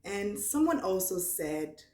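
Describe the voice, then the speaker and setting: A young woman with a Nigerian accent, chatting casually through a question-and-answer vlog and reading each question aloud slowly. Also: mid-range voice, sing-song, darkish tone. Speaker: vlogger. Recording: echoey room.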